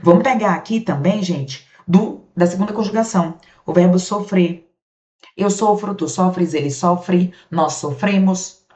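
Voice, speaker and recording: A woman's voice: on the low side, a little slow, mellow. A woman with a Brazilian Portuguese accent teaching a grammar lesson, asking and answering her own questions with casual check-ins to the class. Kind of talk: grammar lecture. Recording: roomy, dull lo-fi sound.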